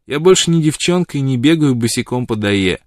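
A man voicing a proud, quick-witted young woman who answers with sharp, challenging retorts. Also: medium pitch, expressive, dry recording, clean studio sound, pitched above the performer's own voice, close to an everyday voice. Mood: teasing.

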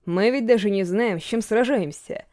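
A woman's voice: medium pitch, normal speed, a little mellow, dry recording, clean studio sound, close to an everyday voice. A woman voicing a grave, worried old male priest in an audiobook. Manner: grave, urgent.

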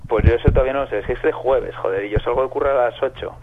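A man's voice: mid-range voice, rapid-fire, over a noisy crowd. A man from Madrid calling in to a radio show, telling stories in slangy, casual chat with casual swearing, heard over a dull phone line. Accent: Madrid Spanish. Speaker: caller.

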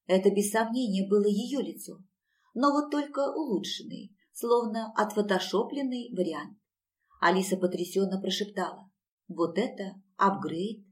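A woman reading an audiobook in an even storytelling voice. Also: mid-range voice, moderate pace. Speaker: audiobook narrator. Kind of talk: scripted narration.

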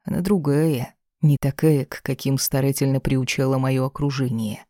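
Mellow, steady man narrating a romance. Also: mid-range voice, moderate pace, no echo, clean studio sound. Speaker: audiobook reader. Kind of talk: first-person romance narration.

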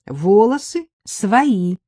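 A woman voicing a cheerful, sharp-tongued young female hairdresser who talks in a brisk, mocking way. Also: medium pitch, expressive, no echo, studio quality, lightly acted.

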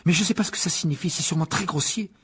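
A man's voice: on the high side, very fast, husky, pitched above the performer's own voice. A man voicing a studious, earnest schoolgirl in a storybook reading.

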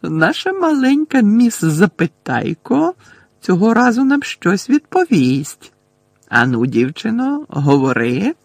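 A man's voice: medium pitch, big pitch swings, dry recording, full character voice. Umbridge, a man voicing a sugary, cruel witch. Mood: triumphant. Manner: slow, gloating, breathy menace. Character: cruel sugary middle-aged woman professor.

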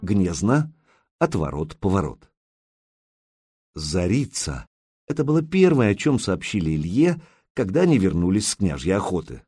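A male audiobook narrator with a low, husky voice reading in an expressive, dramatic style. His pitch rises and falls a lot, and the recording is close and dry. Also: normal speed, no room sound.

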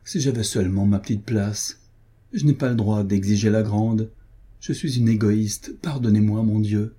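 A man's voice: on the low side, steady tone, normal speed, mellow, slightly rough. A man reading the part of a devout, tender young duchess, in a plaintive inward monologue from a storybook. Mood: sorrowful.

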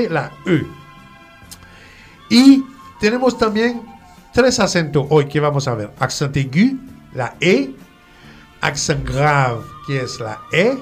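A man teaching French pronunciation in a lesson, repeating and spelling out words slowly for the listener. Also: a little high. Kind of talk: language lesson.

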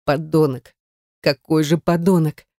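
A woman's voice: low-pitched, steady tone, a little slow, warm tone, no room sound, studio quality. Woman reading as a desperate, furious young heroine. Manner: desperate, indignant, tearful.

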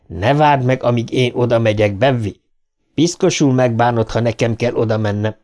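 A threatening middle-aged father, obsessive and eerily calm, chanting his accusations in a slow, measured way , voiced by a man reading an audiobook. The voice is soft-toned and mellow rather than harsh. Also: medium pitch, natural voice. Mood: menacing.

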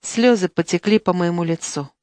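Woman audiobook narrator, expressive read, dead-dry studio booth. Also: fairly low pitch, normal speed, no room sound. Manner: expressive, acts out dialogue. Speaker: audiobook reader. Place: recording studio. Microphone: studio microphone.

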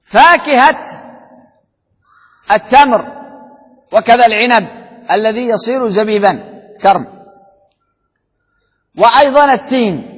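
A man with an extremely high, husky, fairly bright voice teaches Islamic jurisprudence in a classroom lecture explaining a text. He's expressive and a little slow, pausing often, posing rhetorical questions, answering them himself and repeating key points, with hall reverb in the recording.

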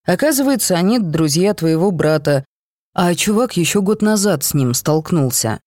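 Aisha is a caring young woman who soothes and pleads with her friend, as a storybook reader plays her. Her voice is recorded close and dry at a middling pitch. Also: lively intonation, moderate pace, darkish tone, dry recording, lightly acted. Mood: questioning.

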